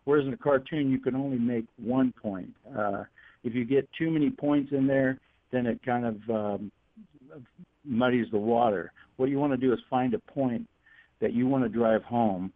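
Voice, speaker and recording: A middle-aged man from Northern California, a guest cartoonist on a radio interview over the phone, who talks haltingly with many fillers and restarts. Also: medium pitch, no echo. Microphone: telephone. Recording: tinny phone line.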